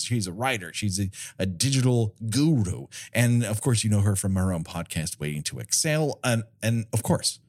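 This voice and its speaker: A man hosting a casual comedic podcast in a theatrical, showman-like way with drawn-out announcements. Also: mid-range voice, a little mellow. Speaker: podcast host.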